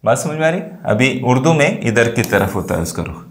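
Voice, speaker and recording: A man teaching a grammar lesson, explaining slowly and checking often that students follow. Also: mid-range voice, sing-song. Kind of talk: classroom lesson.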